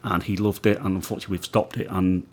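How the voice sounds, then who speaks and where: Man, husky voice, low pitch, host, casual chat, halting, stop-start delivery. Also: little pitch movement. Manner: halting, many restarts and repeated words.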